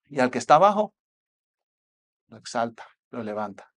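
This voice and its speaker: A man with a Mexican accent preaching a sermon as pastor, swinging between soft asides and loud exhortation. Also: medium pitch, sing-song, moderate pace.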